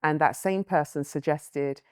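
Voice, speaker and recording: A thoughtful woman with a low, smooth voice, recorded dry and close, gives reflective answers as an author and interview guest. Born in Nigeria and raised in London, she speaks Yoruba as her first language. Her measured delivery is sprinkled with "um" and "you know."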